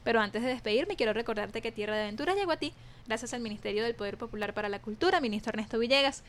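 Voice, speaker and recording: Brisk Venezuelan woman radio host. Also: fairly high pitch. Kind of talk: radio show sign-off.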